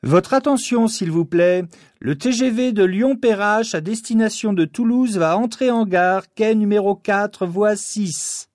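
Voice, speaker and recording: Woman doing a train station announcer over the intercom, formal n measured, medium pitch, pretty dry. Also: a little mellow, no echo, natural voice. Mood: formal, neutral. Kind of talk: scripted public address announcement over the intercom.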